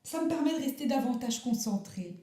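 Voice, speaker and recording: A grand national actress with a fearful, fussy streak, as a woman puts her on for a comic radio sketch. Her voice sits high and swoops widely, and she talks in an affected, precious and rambling manner. The recording is roomy. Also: animated, a little fast, dark tone.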